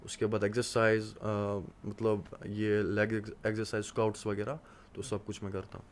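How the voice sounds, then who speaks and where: A man's voice: fairly low pitch, completely flat delivery, normal speed, slight background noise. A man in his twenties from Kashmir, a podcast guest, talking about hard work in an earnest, motivational way with many hesitant fillers. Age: 20s. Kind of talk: casual interview talk.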